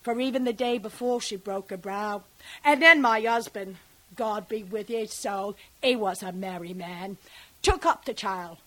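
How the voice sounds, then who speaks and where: A woman playing a chatty old nurse, slow and rambling. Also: mid-range voice, fairly bright tone, rough recording. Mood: fond. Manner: rambling, digressive, breaks into laughter. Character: garrulous old female nurse, fond and rambling. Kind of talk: classical stage monologue.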